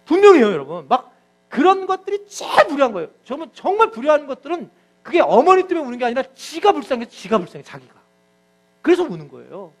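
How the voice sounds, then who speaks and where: A man's voice: very high voice, fast. A male pastor giving a sermon, telling stories animatedly and acting out what people said. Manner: animated storytelling, acts out quotes.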